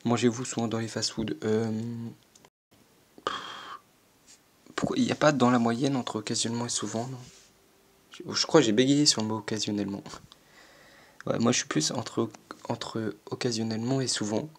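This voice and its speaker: With a mid-range voice and fairly even intonation, a 14-year-old boy speaks at normal speed, pausing often. He's a YouTuber reading out online quiz questions and answering them, stammering, hesitating, mocking himself, and filling gaps with fillers.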